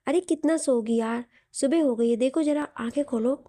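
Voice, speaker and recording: A woman's voice: high voice, moderate pace, mellow, no echo, clean studio sound. A woman doing a teasing young husband. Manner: teasing, coaxing. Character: playful affectionate young husband teasing his wife. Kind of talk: audio story reading.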